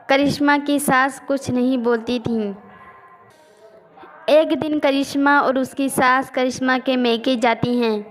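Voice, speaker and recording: A woman narrating a cartoon moral story in a plain storytelling manner. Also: high voice.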